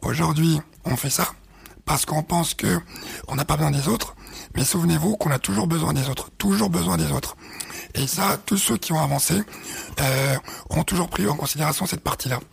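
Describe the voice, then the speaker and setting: A man's voice: fairly high pitch, moderate pace, creaky, breathy edge. A man co-hosting a podcast in casual chat, speaking hesitantly with many fillers and explaining through images. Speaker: podcast co-host.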